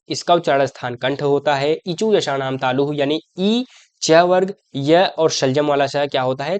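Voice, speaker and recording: A man's voice: a little high, clean tone, dry recording. A young man teaching an exam-prep grammar lesson. He explains step by step, asks questions and answers them himself, and keeps calling the viewer his brother.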